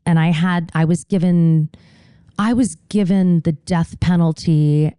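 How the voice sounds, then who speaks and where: A woman as a podcast guest in casual chat, telling animated stories with quick asides. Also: lowish voice, clean tone, no echo, studio quality.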